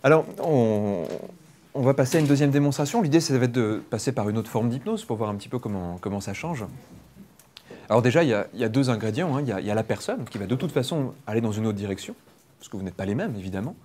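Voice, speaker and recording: A man leading a public hypnosis demonstration, explaining quickly and playfully to a live audience. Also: mid-range voice, expressive, warm tone, a little hiss or hum. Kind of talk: lively teaching talk to a live audience. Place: training room with an audience.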